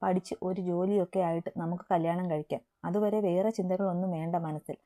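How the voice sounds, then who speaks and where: Woman reading as a stern young man, very dark tone. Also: fairly low pitch, steady tone, a little fast, natural voice. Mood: tender. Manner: firm, commanding. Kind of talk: audio story reading.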